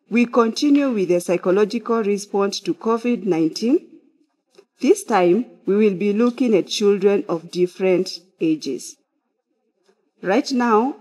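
Woman giving calm counseling advice. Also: medium pitch. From Kenya. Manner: measured, instructive, opens with prayer. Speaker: counseling psychologist. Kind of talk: church talk to online viewers. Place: church sanctuary behind a glass pulpit.

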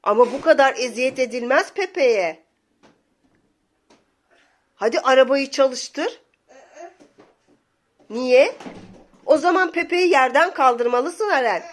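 A young woman, a mother, talking playfully to viewers and her toddler in an animated, coaxing, exclamatory way. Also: sits high, slow pace, long pauses. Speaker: mother playing with her child on camera.

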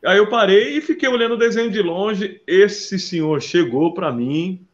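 A man with a somewhat high voice tells his stories in a lively, chatty way, warmly calling the listener "brother" as he goes. The recording sounds dull and lo-fi. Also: moderate pace. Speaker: interview guest, visual artist. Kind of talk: casual interview storytelling.

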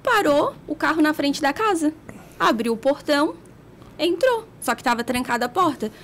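A blunt, candid woman from Brazil recounts her own story as a podcast guest. Her voice sits high and rises and falls in lively swings. She laughs between lines and holds nothing back. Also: moderate pace, a little hiss or hum.

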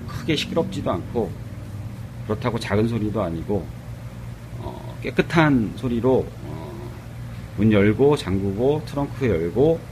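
Low-voiced man demonstrating a car alarm. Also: darkish tone, slight background noise, rough recording. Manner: hesitant, many fillers, plain explanatory. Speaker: car accessory shop presenter. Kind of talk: casual product demonstration.

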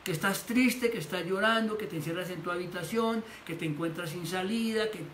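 A man's voice: high voice, a little fast, fairly bright tone. A man preaching a sermon as pastor, animatedly acting out the voices he quotes. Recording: echoey room with faint noise.

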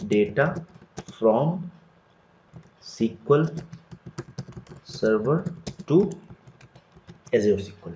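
Man walking through a software tutorial. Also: medium pitch. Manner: step-by-step, plain explanatory delivery with frequent "so" and "let me". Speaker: tutorial instructor. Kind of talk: screen-recorded software tutorial. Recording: roomy, dull lo-fi recording.

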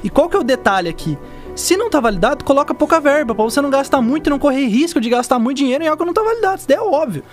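Young male Brazilian podcast guest, high voice, rapid casual slangy delivery, explaining by example. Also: very animated, soft background music. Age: young adult. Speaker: podcast guest, digital marketer. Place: indoor podcast studio. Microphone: dynamic mic on boom arm, close.

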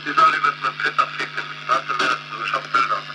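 A man on CB radio, trading threats and insults in slow, drawn-out taunts. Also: medium pitch. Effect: heard over CB radio. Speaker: CB radio operator. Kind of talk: hostile radio banter. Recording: loud static CB radio transmission.

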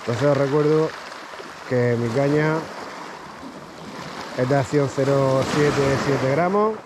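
A man from Spain, chatting casually to camera while fishing on a rocky shore and giving excited running commentary. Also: mid-range voice, takes it slowly. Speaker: fishing vlogger. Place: rocky seashore outdoors at dawn. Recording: outdoor wind and sea noise. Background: waves and water noise.

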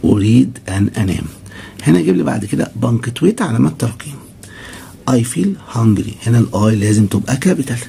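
A man with an Egyptian Arabic accent teaching children English vocabulary, saying each word slowly several times and then explaining it. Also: medium pitch, expressive, creaky, dark tone, a little hiss or hum.

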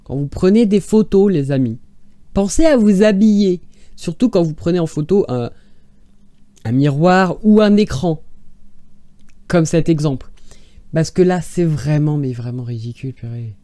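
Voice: mid-range voice, expressive, unhurried, long pauses, mellow, no echo. A YouTuber mocking online classified ads in casual commentary. The speaker sounds exasperated and sarcastic and rambles with restarts.

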